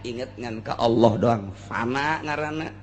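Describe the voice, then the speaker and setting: A male Islamic preacher and teacher with a Sundanese accent speaks at a measured pace in a mid-range voice, with a faint hiss or hum behind him. His informal sermon mixes Arabic recitation with colloquial, earthy talk, and he repeats phrases to drive points home.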